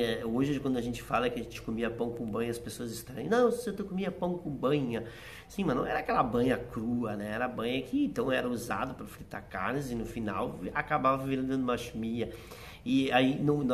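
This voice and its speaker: A medium-pitched male voice with a faint hiss or hum in the audio. The speaker, a middle-aged guest from southern Brazil who writes for and acts in theater, has Rio Grande do Sul Portuguese tinged with German-settler speech, and he reminisces nostalgically in a relaxed interview, dropping "né" frequently.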